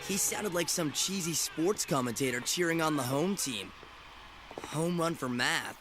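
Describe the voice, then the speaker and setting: A man's voice: a little high, animated, a little slow, noisy background. An actor playing a cynical, mocking young male student in a dubbed drama, sarcastic and blunt. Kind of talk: dramatic dub acting.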